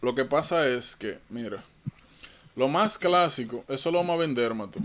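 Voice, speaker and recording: A man's voice: medium pitch, expressive, moderate pace, a bit bright. A man tutoring medical students in an online lecture, informal and thinking aloud, often correcting himself.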